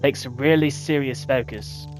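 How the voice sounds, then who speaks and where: A gentle, wistful clan elder gives soft advice, as a man reads the part. The voice sits at a middling pitch and sounds close to the reader's own. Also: moderate pace, over music, lightly acted, low-quality recording.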